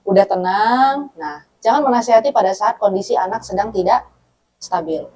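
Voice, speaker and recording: A woman's voice: mid-range voice, moderate pace, darkish tone. A woman from North Sumatra giving a conversational religious talk to women, often checking in with her listeners and acting out dialogue. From North Sumatra, Batak. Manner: acts out dialogue, laughs often. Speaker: Islamic women's study speaker.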